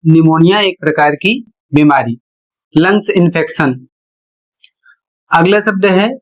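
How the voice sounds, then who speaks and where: A man teaching a pronunciation lesson, spelling words out letter by letter in a deliberate way. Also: high voice.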